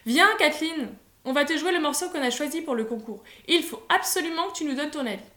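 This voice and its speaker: A woman voicing a bubbly, excitable teenage girl cousin who gushes eagerly, in a roomy space. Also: sits high, fairly quick, voice pushed up. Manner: excited, gushing. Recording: roomy echo.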